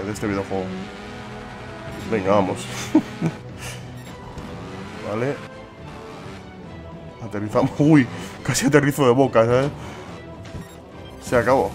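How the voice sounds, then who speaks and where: Excitable young gamer. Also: male voice, mid-range voice. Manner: excitable, swears and exclaims often. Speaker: gaming YouTuber. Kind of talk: let's play commentary.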